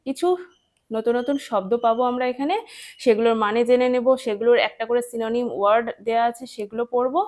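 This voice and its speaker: A woman's voice: fairly high pitch, steady tone, quick pace, a little mellow. Patient woman teaching young children. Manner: patient, asks and answers her own questions; spells words out letter by letter. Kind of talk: children's English lesson.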